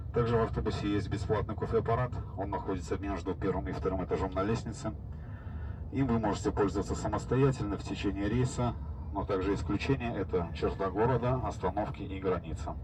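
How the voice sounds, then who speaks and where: Deep-voiced man announcing over a bus PA. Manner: measured, official, reciting rules. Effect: over the bus PA loudspeaker. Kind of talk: formal passenger announcement. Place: inside a moving bus. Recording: noisy bus cabin over the PA.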